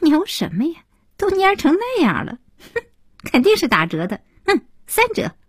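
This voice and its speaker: A woman's voice: extremely high pitch, huge pitch swings, moderate pace, no room sound, clean studio sound, voice pushed up, heavily acted. A woman doing a sneering young girl. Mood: mocking. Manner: sneering, scornful. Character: snide young woman, mocking and sharp-tongued.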